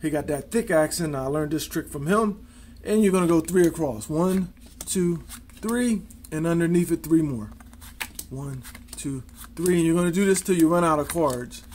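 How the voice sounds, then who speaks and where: A man with a slightly high voice talks through card tricks at an easy pace. He counts cards out loud and drops in folksy showman lines. A faint hiss of noise sits under the recording. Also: moderate pace. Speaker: magician demonstrating card tricks. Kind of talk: casual card trick tutorial.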